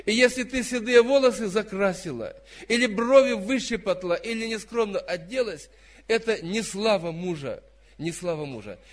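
A man in his fifties preaching a sermon, emphatic, dropping to soft asides and then rising to loud stressed phrases. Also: high voice, lively intonation, moderate pace. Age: 50s.

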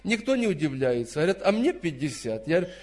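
Emphatic high-voiced male preacher in his fifties. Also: very animated, fast. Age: 50s. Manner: emphatic, swings between soft asides and loud stressed phrases. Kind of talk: sermon.

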